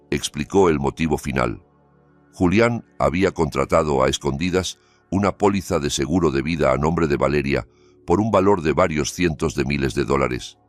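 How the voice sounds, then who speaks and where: Very deep-voiced male story narrator. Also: no echo. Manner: steady, grave storytelling. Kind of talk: scripted narration.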